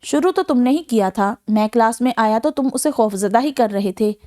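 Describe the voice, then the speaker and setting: A man's voice: very high-pitched, warm tone. A woman voicing an angry, vengeful young man from a novel, bitter and scornful in manner.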